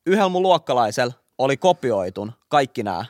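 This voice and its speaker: A man in his twenties co-hosting a podcast, telling a story in casual, slangy talk. His pitch swings widely as he animates the story, and the close mic gives a dry, roomless sound. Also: very animated, no room sound. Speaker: podcast co-host.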